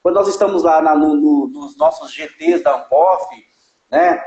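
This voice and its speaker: A man hosting a relaxed talk over beer, speaking quickly and animatedly about academic life. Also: on the high side, creaky, echoey room, lo-fi sound. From Brazil. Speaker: podcast host. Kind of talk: casual conversation over beer.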